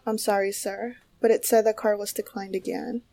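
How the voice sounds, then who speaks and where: A man's voice: high-pitched, level tone, normal speed, warm tone, voice pushed up. A man playing a polite store cashier. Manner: polite, service-counter tone.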